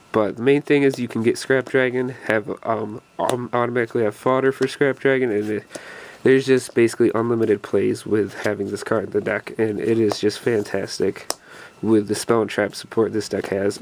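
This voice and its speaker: A young man with a cold hosts a deck profile video, sounding stuffed-up and breathless as he rambles through a casual card deck walkthrough full of ums and restarts. His voice sits in the mid range, with a bit of background noise.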